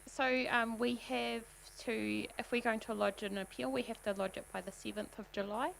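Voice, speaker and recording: A woman with a New Zealand accent, a council staff officer, briefs the councillors in a polite and measured way. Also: fairly high pitch, fairly even intonation, gravelly, fairly bright tone, a little hiss or hum, low-quality recording. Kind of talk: formal meeting briefing.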